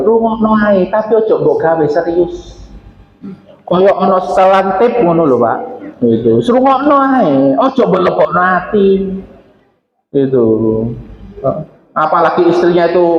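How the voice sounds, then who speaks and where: East javanese male preacher, higher voice, lively and joking, echoey hall, dull lo-fi sound. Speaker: Islamic preacher. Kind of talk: mosque sermon. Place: large mosque hall.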